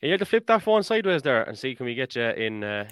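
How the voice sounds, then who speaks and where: Fast-talking Irish male podcast host. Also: mid-range voice, very animated, fairly bright tone, clear, resonant tone, no room sound, studio quality. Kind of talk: casual chat.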